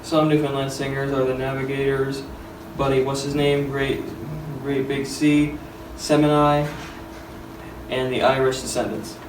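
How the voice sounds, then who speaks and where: A man reads a class presentation aloud, listing items in a flat monotone. He sounds far from the microphone. A noisy, echoey room surrounds him. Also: mid-range voice, measured pace. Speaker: student presenter.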